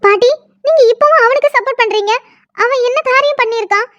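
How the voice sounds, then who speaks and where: A woman voicing a furious young woman in a cartoon who scolds and complains with shrill indignation. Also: fast talker, a bit bright, highs cut off, a little hiss or hum. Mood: indignant. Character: young woman, furious, newly forced into marriage. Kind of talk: cartoon dialogue.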